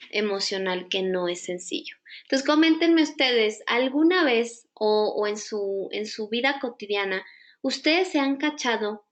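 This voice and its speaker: A woman's voice: a little high, a bit bright. Mexican woman teaching a psychology class. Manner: conversational, asks the audience many rhetorical questions. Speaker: psychology instructor. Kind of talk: live online class.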